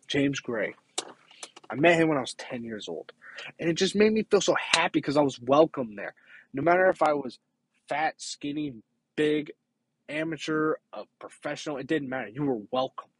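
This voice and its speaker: A young man giving a halting, earnest personal testimony, often restarting his sentences. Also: on the high side, animated, gravelly, a little hiss or hum.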